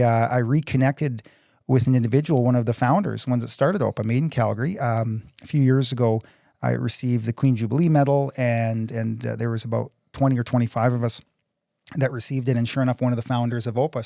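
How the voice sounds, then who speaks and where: A man's voice: medium pitch, steady tone, fast, vocal fry, warm tone, no echo, studio quality. A man in his forties, a city council candidate answering interview questions in an earnest, upbeat way, often repeating words as he goes. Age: 40s.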